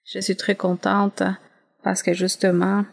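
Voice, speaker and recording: Woman, church member asking, hesitant and polite, low gravelly voice, slow. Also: completely flat delivery. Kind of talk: question from the congregation.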